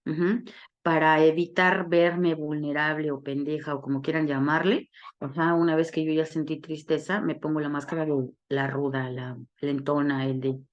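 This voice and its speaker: A woman speaks to a support group in a low voice. She tells a personal story, acts out the lines she quotes and often checks in with tag questions. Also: flat delivery, moderate pace, muffled recording. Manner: storytelling, acting out quoted dialogue. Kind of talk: personal testimony talk.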